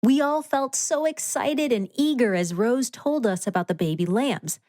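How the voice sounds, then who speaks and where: A woman with a somewhat high voice narrates a children's storybook. She reads in an expressive read-aloud manner from a script. The sound is dry, with very little room in it. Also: moderate pace, no room sound.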